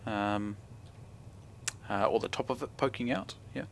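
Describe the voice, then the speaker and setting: Young kiwi guy, broad nz accent, gravelly lowish voice, laid back mumbly gaming commentary, bit of background noise. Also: a little slow. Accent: broad New Zealand. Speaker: gaming video creator. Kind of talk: casual gameplay commentary, thinking aloud. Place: indoor room at home.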